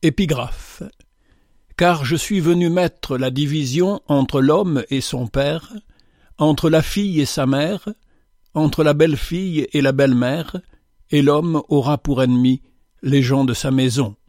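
A man reading an audiobook as narrator in a measured way, with rare hesitations. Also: fairly high pitch, darkish tone, dry recording, studio quality.

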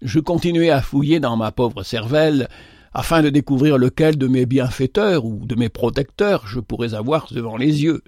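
A man's voice: medium pitch, no room sound. Man narrating a story, dry close sound. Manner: measured, expressive first-person storytelling. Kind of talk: storybook reading.

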